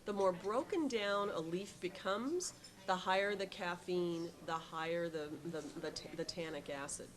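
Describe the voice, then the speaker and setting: A woman's voice: lowish voice, unhurried. A middle-aged woman who runs a tea shop, answering interview questions with many ums and restarts and an eager tone.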